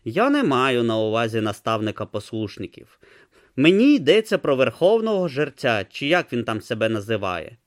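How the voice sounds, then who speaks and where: A man's voice: medium pitch, wildly swooping pitch, moderate pace. A man voicing an irritable, imperious ancient god trapped in the body of a small tortoise, barking orders and sneering. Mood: bossy. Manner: imperious, sarcastic, barks orders.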